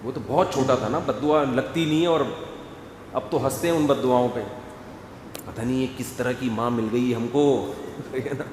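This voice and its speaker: A man preaching a sermon, animated and acting out family scenes. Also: mid-range voice, a little hiss or hum. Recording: echoey hall, faint ambience.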